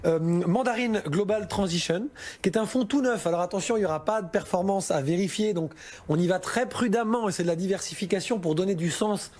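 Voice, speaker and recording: A man's voice: sits high, brisk, darkish tone. A man working as a financial adviser, explaining investments on a listener question show in a chatty, informal way with frequent hesitations.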